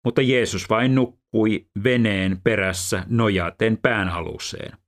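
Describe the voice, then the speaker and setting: A man reading scripture aloud in a measured, even scripted delivery. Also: fairly low pitch. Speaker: scripture reader.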